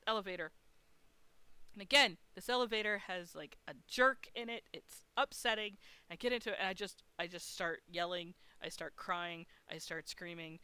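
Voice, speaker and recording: A woman on a livestream telling a personal story in an animated, casual way, swearing freely. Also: on the low side, smooth, no echo. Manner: animated and profane, with frequent swearing. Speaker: artist streaming live.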